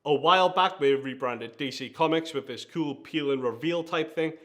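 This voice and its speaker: This countdown vlog is hosted by a Geordie man who founded a design agency. He talks at a moderate pace in a slightly high, fairly bright voice. His delivery is enthusiastic and emphatic.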